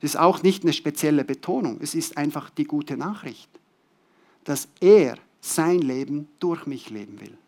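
A man preaching a sermon to a congregation, repeating key words and swinging between loud, stressed phrases and soft drops. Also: on the high side, lively intonation, moderate pace.

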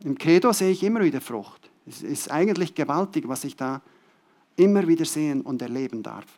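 Brisk and animated, a man with a highish voice preaches to a congregation. He keeps repeating key words, moving between loud, stressed lines and soft, dropped ones.

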